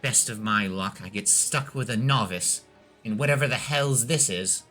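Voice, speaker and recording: A man's voice: on the low side, moderate pace, pushed and bright, faint music behind. A man voicing a bossy, impatient merchant woman in a tabletop game, curt and demanding.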